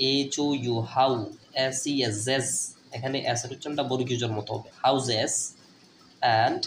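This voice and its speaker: Man, from Bangladesh, online teacher, spells letter by letter, mid pitch, echoey room. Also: fairly bright tone, slight background noise. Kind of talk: online English lesson, spelling words aloud.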